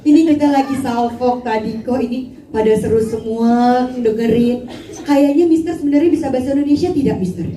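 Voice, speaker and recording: A woman's voice: fairly high pitch, a little fast, dark tone. A woman emcee running a press conference, friendly and coaxing. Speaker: master of ceremonies. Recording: echoey hall from far off, faint crowd.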